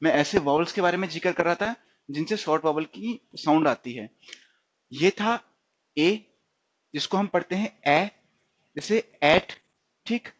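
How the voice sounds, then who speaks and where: A man's voice: a little high, expressive, normal speed, pauses often. A man teaching stenography in a recorded tutorial, often repeating words and quizzing himself. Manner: repeats and quizzes himself, frequent "theek hai". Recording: dull lo-fi recording.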